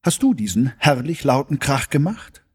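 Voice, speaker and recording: A man voicing a delighted, noisy little girl who speaks brightly and eagerly. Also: mid-range voice, slow pace, slightly rough, exaggerated voice. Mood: excited. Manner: bright and excited.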